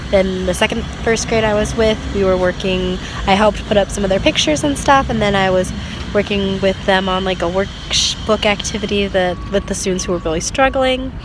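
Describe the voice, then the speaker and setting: A woman's voice: medium pitch, moderate pace. Young American woman vlogger, chatty and filler-heavy, phone mic, faint traffic outside. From United States. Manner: chatty, laughs often, many fillers. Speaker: vlogger and language assistant at a school. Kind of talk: casual vlog chat. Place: outdoors in a park.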